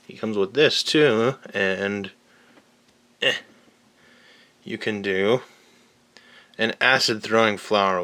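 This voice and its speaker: A man casually reviewing an action figure, chatty and relaxed, with lots of fillers and a little out of breath. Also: lowish voice. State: slightly out of breath. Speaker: toy reviewer. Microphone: camera mic on tripod.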